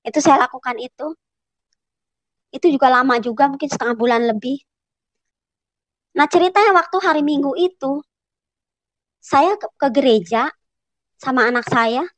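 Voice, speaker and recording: High-voiced woman giving an earnest testimony. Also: moderate pace, long pauses, dry recording. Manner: earnest, emotional storytelling with many fillers. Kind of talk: personal testimony to a congregation.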